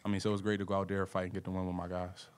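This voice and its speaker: A man's voice: sits low, monotone, racing, clean tone. A young man, a college basketball player, answering reporters in a casual, upbeat way at a postgame press conference table mic. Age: young adult. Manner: upbeat, casual, uses "like" and "I mean".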